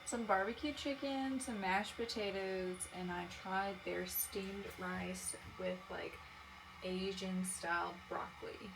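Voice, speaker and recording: A woman's voice: mid-range voice, fairly even intonation, slow, creaky, background noise. A woman with a Southern US accent, chiming in casually as a friend on a travel vlog. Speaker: friend on the trip.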